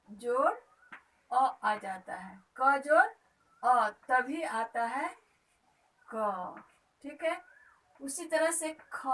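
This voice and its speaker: A woman's voice: sits high, bright, forceful tone, far from the mic, rough recording. A woman teacher giving a grammar lesson to young children, reciting letters one by one and asking the pupils questions.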